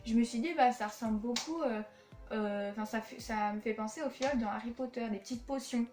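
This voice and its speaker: Casting: young woman, fairly high voice, rambling home vlog, echoey room, soft music under. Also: brisk. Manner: chatty, with many fillers and restarts. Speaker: vlogger showing her collection. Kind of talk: casual chat. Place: her room at home, indoors.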